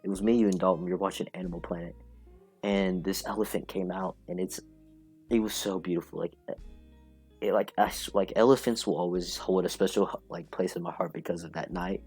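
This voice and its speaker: A man's voice: low-pitched, fairly even intonation, brisk, a little mellow, slightly rough, faint music behind. A young man telling a long rambling story in casual podcast chat, full of fillers and laughter. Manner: rambling, filler-heavy, laughs through stories. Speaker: podcast guest.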